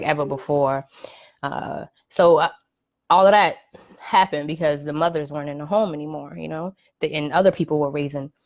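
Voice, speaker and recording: A woman's voice: deep voice, a little mellow. A woman hosting her first live podcast, talking casually with many "right?" checks and "um" fillers. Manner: conversational, frequent "right?" and "um" fillers. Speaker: podcast host. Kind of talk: casual live-stream monologue. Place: at home, live video stream. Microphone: computer or phone mic on a live stream.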